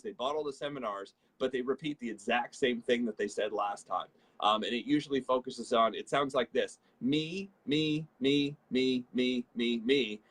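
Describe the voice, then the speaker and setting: A man co-hosting a leadership show, giving an energetic motivational talk about network marketing and acting out the people he quotes. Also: medium pitch, husky, poor audio.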